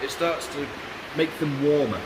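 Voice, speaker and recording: A man's voice: on the high side, moderate pace. A man working as a cave guide, giving an informal, explanatory tour with casual asides in an echoing cave. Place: inside a large show cave. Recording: echoey cave, loud background noise.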